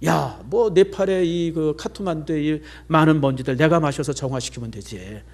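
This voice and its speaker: A man's voice: fairly high pitch, moderate pace. A middle-aged male pastor giving a sermon, telling stories in a chatty way and sometimes dropping to a near-whisper. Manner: chatty storytelling with lively swings, drops to near-whispers.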